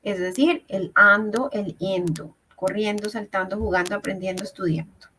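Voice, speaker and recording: A woman's voice: mid-range voice, fairly even intonation, moderate pace, bright, forceful tone, a little hiss or hum, poor audio. A woman teaching English grammar in an online class, explaining step by step and checking in with her students. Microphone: video call.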